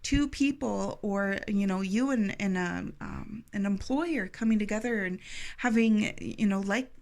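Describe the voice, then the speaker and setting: A woman giving a tarot reading to her viewers, earnest and emphatic, repeating phrases for stress. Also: medium pitch. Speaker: tarot reader.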